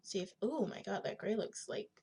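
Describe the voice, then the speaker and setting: A young woman with a raspy smoker's voice giving a casual screen tutorial, thinking aloud in informal, slangy speech and often clearing her throat. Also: medium pitch, expressive, normal speed, dark tone. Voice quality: husky smoker's rasp with gravelly creak. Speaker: digital art tutorial host.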